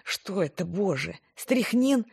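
A woman's voice: mid-range voice, expressive, slow pace, gravelly, a little mellow, breathy edge, exaggerated voice. Woman doing an irritated, sarcastic sick woman. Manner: exasperated and sarcastic.

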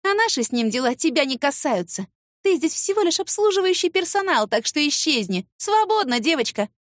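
A woman's voice: high-pitched, sing-song, brisk, no echo, clean studio sound, pitched above the performer's own voice. A woman voicing a spiteful, catty young female office rival who sneers and hurls accusations.

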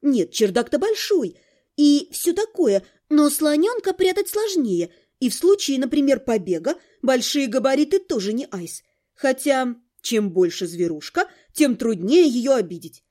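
A woman reading a first-person audiobook with expressive, lively storytelling. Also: sits high, unhurried. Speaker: audiobook narrator.

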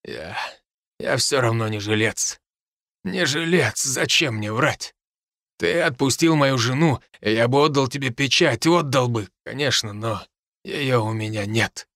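A man reading an audiobook voices a wounded, frightened nobleman who speaks in a hushed, shaky, pleading way. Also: mid-range voice, expressive, a little slow, no room sound, studio quality. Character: wounded cornered nobleman, fearful, begging.

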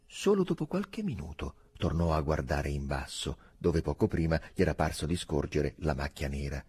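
A man with a husky voice narrating a novel as an audiobook, expressive and dramatic. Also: rumbling low, moderate pace. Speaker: audiobook reader.

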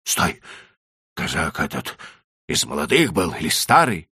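A man voicing a desperate, hot-tempered male landowner who pleads and exclaims loudly in an audiobook. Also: rumbling low, huge pitch swings, measured pace, breathy edge, dry recording, clean studio sound, heavily acted. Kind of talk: audiobook character voice.

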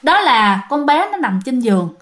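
Her voice is high-pitched with big swings in pitch, a moderate pace, and a slightly bright quality. The woman spins a casual ghost story, chatting and speaking right to her listeners.

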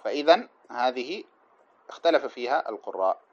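A man teaching a class on an old didactic poem, chanting the verses slowly and then explaining them in quick, plain lecture speech. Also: mid-range voice, lively intonation. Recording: dull lo-fi lecture recording.

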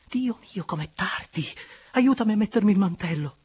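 A man voicing a playful, tender young woman lover in a breathy, whispered way in a literary audiobook. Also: high-pitched, very animated, a little slow, pitched above the performer's own voice, exaggerated voice. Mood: alarmed.

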